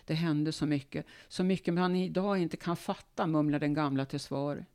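A woman, a guest author, reading her own memoir aloud in a calm, measured way. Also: low voice, smooth.

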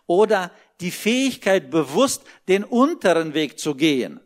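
A man's voice: sits high, unhurried. Fervent German-speaking preacher man. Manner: animated, acts out little dialogues. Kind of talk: sermon.

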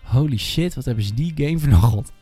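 Casual man in relaxed gaming chat. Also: medium pitch, fairly quick, breathy edge, soft background music. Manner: informal, slangy, English loanwords mixed in. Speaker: podcast host.

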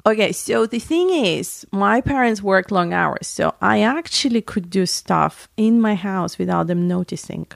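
A woman's voice: mid-range voice, animated, a little slow, vocal fry, hardly any pauses, dry recording. A woman from Latvia, chatting casually and telling a rambling story, often correcting herself mid-sentence. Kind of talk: casual chat.

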